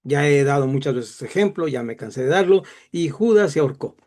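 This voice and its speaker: This Bible teacher, a middle-aged Mexican Spanish speaker, gives a rambling, chatty class full of self-deprecating remarks. He sounds fairly high-pitched, expressive, and a little mellow, talking fairly quickly.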